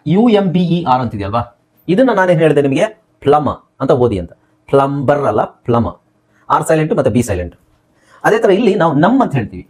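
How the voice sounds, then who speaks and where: A man's voice: fairly high pitch, darkish tone, husky. A man teaching a spoken English lesson, spelling words letter by letter, repeating them and asking his class questions that he then answers.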